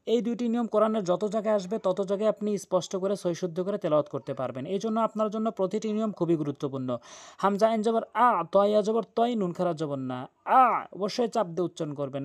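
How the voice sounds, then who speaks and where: A man's voice: sits high, lively intonation, fast talker. A man teaching Quran recitation in an emphatic, insistent way, spelling words out sound by sound with frequent "ah" fillers. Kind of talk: lesson.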